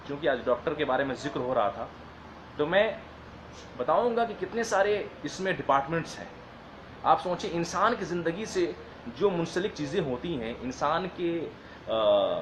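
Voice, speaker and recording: Brief: man, fairly high voice, earnest and repetitive, faint background hum, casual advice talk. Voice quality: modest, apologetic about his English. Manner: earnest, repetitive, reads long list slowly. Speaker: advice speaker on careers.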